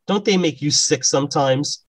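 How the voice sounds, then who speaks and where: A man's voice: on the high side, normal speed, slightly rough, no echo. A man voicing a young woman who teases her big sister sarcastically. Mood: teasing. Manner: teasing, sarcastic.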